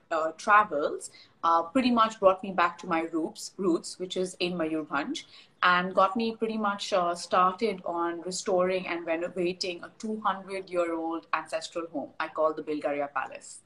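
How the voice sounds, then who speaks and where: A woman's voice: on the low side, a bit bright, poor audio. A woman from India answering interview questions, nasal from a cold, chatty with many fillers. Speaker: guest.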